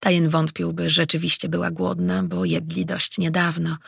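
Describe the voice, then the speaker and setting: An audiobook narrator reads steadily and evenly. The voice is strongly gravelly and husky, recorded dry and close. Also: mid-range voice, moderate pace, no room sound. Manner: even, steady reading. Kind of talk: scripted fantasy narration.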